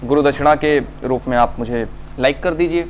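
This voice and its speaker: Man teaching grammar, quick Hindi asides. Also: mid-range voice, a little hiss or hum. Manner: reads English examples slowly, explains in quick Hindi; asks students questions and answers them himself. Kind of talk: exam-prep grammar lesson.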